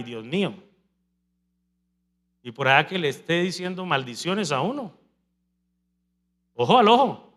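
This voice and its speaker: A male pastor preaching a sermon, calling on the congregation to repeat after him and acting out scenes with lively mimicry. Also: high voice. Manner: preaches with call-and-response to the congregation; animated, mimics people speaking in tongues.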